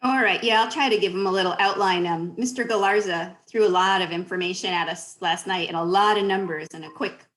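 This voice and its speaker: A woman talks fast and breezily as a committee chair on a council video call. She keeps it casual and quick. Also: mid-range voice, a bit bright, low-quality recording. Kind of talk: casual meeting chat.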